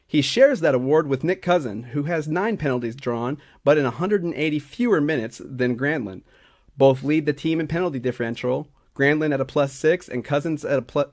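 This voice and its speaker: A man of middling pitch reads through a scripted list of season awards as a regular on a hockey show. His delivery is steady and packed with numbers, with the odd slip and restart. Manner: steady, stat-heavy delivery with small slips and restarts. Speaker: hockey analytics writer and podcast regular. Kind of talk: reading a scripted awards segment.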